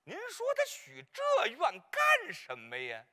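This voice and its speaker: In a staged Peking opera, a performer in a clown role plays a comic, gossipy married woman with a Beijing accent. The medium-pitched voice swoops wildly, slow and sharp and heavily acted, as she rambles, bumbles, and fumbles names.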